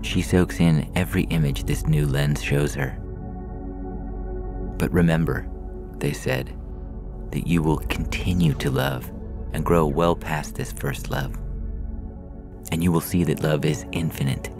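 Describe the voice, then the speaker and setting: A man reading fiction for a podcast speaks in an extremely low voice with heavy vocal fry. His narration is measured and deliberate, with music clearly audible underneath.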